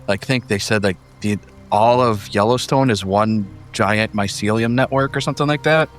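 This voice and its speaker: A man's voice: on the low side, moderate pace, faint music behind. Rambling man hosting as game master. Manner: rambling, self-deprecating. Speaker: game master and podcast host. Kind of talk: casual debrief chat.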